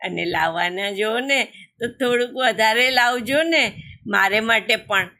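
A woman's voice: measured pace, bright, forceful tone. A woman doing a fussy, nagging mother crow. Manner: nagging, fussy, higher than her narration. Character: fussy scolding mother crow, protective of her chick.

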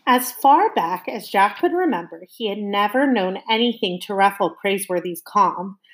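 A woman reading a children's novel aloud in a lively way, slowing down for emphasis and turning to her young listeners with questions. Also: medium pitch. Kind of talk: expressive read-aloud of a novel.

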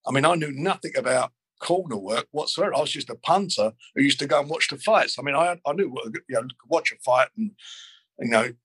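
Older man, husky and close-miked, rambling guest recalling the past. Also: medium pitch, animated, fairly quick, a bit bright, no room sound, rough recording. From London. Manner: rambling, frequent restarts and fillers. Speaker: boxing promoter. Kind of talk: interview, reminiscing.

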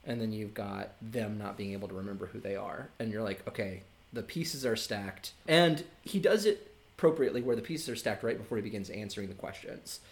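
A man's voice: fairly low pitch, a little fast, gravelly. A man co-hosting a podcast, talking a book over in a casual, thoughtful way, with lots of "like" and "you know". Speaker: podcast co-host.

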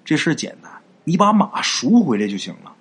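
A man voicing a shrewd, calm old male folk healer who speaks slowly in a low, knowing tone. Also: breathy edge. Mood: solemn. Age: older.

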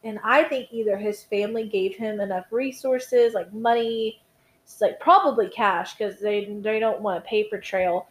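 A tired young woman co-hosts a casual true-crime podcast, yawning as she rambles, swears, and restarts her sentences. Her voice is medium-pitched with a steady tone at a normal speed, and the audio is poor.

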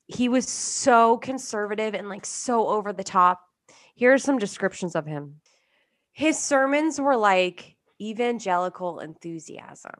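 A woman's voice: mid-range voice, dry recording, studio quality. A young woman hosting a casual podcast, telling a history story in a joking, chatty way and swearing freely. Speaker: podcast host.

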